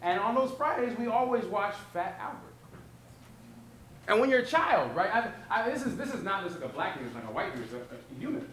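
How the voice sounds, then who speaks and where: A man in his thirties gives an animated gallery talk about his own art. His pitch sits fairly high and swings a lot as he talks. His voice is bright, and he wanders off into stories, acting out the voices in them. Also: fairly quick, slight background noise. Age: 30s. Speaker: artist talking about his own work. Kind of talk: gallery talk, casual storytelling.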